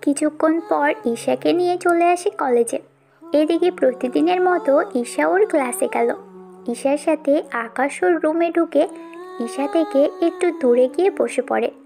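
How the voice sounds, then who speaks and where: A woman narrating a dramatized audio story in a steady storytelling way. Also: high-pitched, a little slow, gravelly.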